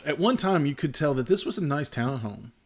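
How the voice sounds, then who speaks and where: A man narrating as game master of a tabletop role-playing game, descriptive and unhurried, with frequent fillers. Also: fairly high pitch, expressive.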